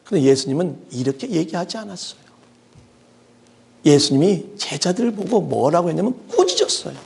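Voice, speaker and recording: A middle-aged male pastor preaching a sermon, dramatic and full of rhetorical questions, swinging between loud emphasis and hushed asides. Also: a little high, expressive, moderate pace, creaky. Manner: asks the congregation rhetorical questions.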